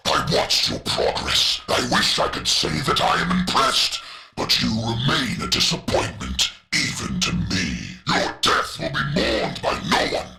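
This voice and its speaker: An actor playing a ruthless, megalomaniac general in a video game, with a gravelly, forceful voice and a pompous, contemptuous, theatrical delivery. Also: male voice, mid-range voice, wildly swooping pitch, measured pace, heavily acted. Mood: cold contempt. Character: ruthless megalomaniac male general, villain scornful of humanity. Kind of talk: dramatic video game villain acting.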